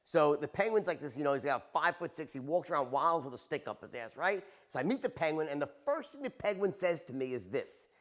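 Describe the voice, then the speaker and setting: A man runs a storytelling seminar in an animated, punchy way, checking in with the room after nearly every point. His voice sits a little high for a man and swings widely as he speaks. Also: fairly quick, few pauses. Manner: animated, tags points with "right?" and "okay?". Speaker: sales trainer.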